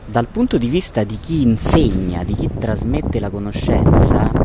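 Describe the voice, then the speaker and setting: A man leaving a voice message from out on the street. He speaks thoughtfully on low-quality audio. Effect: low-quality audio recorded on a phone in the street. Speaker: listener sending a voice message. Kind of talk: voice message in a discussion. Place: outdoors on a city street. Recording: noisy street recording with passing traffic.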